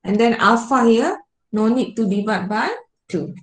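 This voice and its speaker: A woman's voice: on the high side, normal speed. A woman lecturer with a Malaysian accent explains step by step in an online lesson, in informal Malaysian slang English with frequent okays and short checking questions. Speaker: statistics lecturer. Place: indoor room, online video class. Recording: roomy, echoing online class audio.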